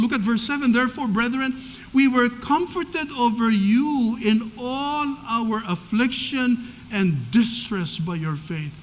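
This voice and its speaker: A man with a Filipino accent preaching a sermon as pastor of a church, swinging between soft and emphatic delivery. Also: high-pitched. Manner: preaching in Tagalog-English code-switching, rising and falling emphasis. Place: church hall. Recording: long church hall reverb.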